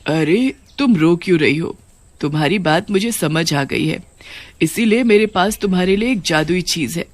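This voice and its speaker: A woman's voice: lowish voice, expressive, normal speed, no echo. A woman voicing a regal, kindly witch queen in a cartoon, speaking in a grand, commanding way.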